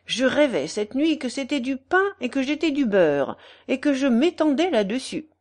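A gushing, coaxing concierge, put on by a woman reader; bright, swooping, over the top. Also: high-pitched, big pitch swings, moderate pace, voice pushed up. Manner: effusive, wheedling and theatrical. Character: brash, gushing middle-aged woman concierge, coaxing and dramatic.

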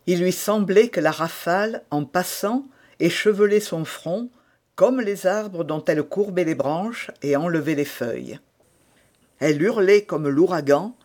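A man reading a classic novel aloud in measured, dramatic narration. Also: fairly high pitch, darkish tone.

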